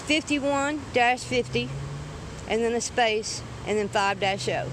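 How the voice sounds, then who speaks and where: A woman's voice: on the high side, a little slow. A woman with a rural Southern US drawl chatting casually, talkative, folksy and emphatic. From Tennessee, southern United States. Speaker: independent journalist filming police encounters. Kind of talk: casual conversation. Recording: outdoor street recording with clear traffic noise.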